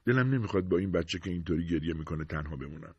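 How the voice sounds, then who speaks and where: Upset insistent young wife, man voicing her, higher husky voice, dull dry recording. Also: animated, no room sound, full character voice. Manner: pleading, insistent. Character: anxious upset young wife with a sick baby.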